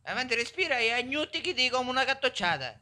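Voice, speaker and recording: A man's voice: very high voice, very animated, fast talker. A man with a Sicilian accent playing a fussy, arrogant yoga instructor in a comic game dub. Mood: soothing, bossy.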